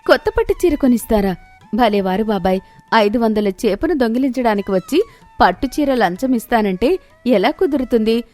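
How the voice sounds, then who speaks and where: Woman as shrill, bold young daughter-in-law; loud, high and sharp. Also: expressive, normal speed, faint music behind, natural voice. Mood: teasing. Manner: shrill shouting calls for help.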